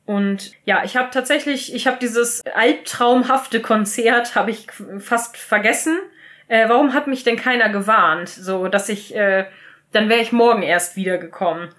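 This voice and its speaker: A young woman co-hosting a casual recap podcast, retelling scenes in a lively, chatty way with lots of fillers. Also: fairly high pitch, normal speed. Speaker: podcast co-host.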